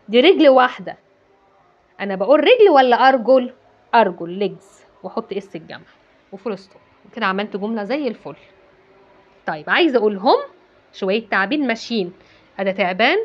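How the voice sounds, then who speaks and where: A woman's voice: medium pitch, dull audio. A woman with an Egyptian Arabic accent teaching English to children. She asks and answers her own questions and repeats key words. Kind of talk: classroom-style lesson explanation.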